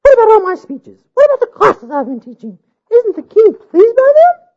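Frantic screechy young bride done by a man, way up high, muffled old recording. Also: huge pitch swings, moderate pace, heavily acted. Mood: indignant. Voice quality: screeching, shrill. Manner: frantic, pleading. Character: shrill, frantic young woman, a demanding bride. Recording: dull lo-fi recording.

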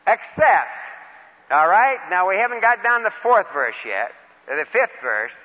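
A male preacher with a fairly high, very animated voice teaches in short, folksy phrases. He moves between questions and personal stories. Long hall reverb surrounds a slightly muffled recording. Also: measured pace. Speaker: preacher leading a Bible lesson. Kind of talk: interactive sermon with questions and personal storytelling.

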